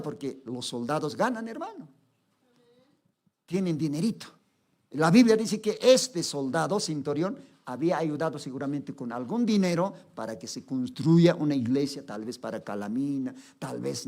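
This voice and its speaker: Pastor guy, high voice, fervent sunday sermon, keeps calling everyone brothers. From Bolivia. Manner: fervent preaching, swinging from soft asides to loud exclamations; constantly addresses the congregation as brothers.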